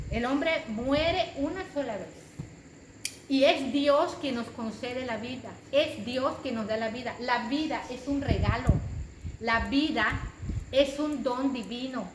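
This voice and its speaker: A woman preacher, giving an emphatic sermon and repeating phrases for stress. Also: high-pitched. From Mexico. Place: church hall. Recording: echoey church room with background noise.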